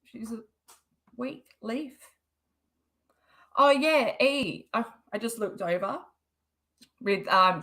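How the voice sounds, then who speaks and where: A woman's voice: lowish voice, bright, forceful tone. Australian woman, livestream host, sarcastic casual commentator. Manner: chatty, sarcastic, laughs often.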